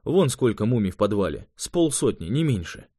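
A male narrator plays a young mage who eagerly explains himself in a raised voice. His pitch swings widely as he argues his case. The recording is close and dry. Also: sing-song, fairly quick, warm tone, dry recording.

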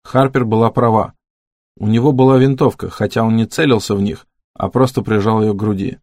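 Steady male audiobook narrator. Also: on the low side, a little fast, no room sound, studio quality. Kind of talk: scripted narration.

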